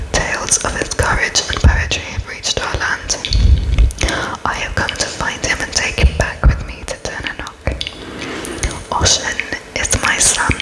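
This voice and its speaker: A person reading legends aloud in a soft ASMR whisper, with gentle, careful phrasing. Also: poor audio. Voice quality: whispered, unvoiced breathy whisper. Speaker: ASMR storyteller.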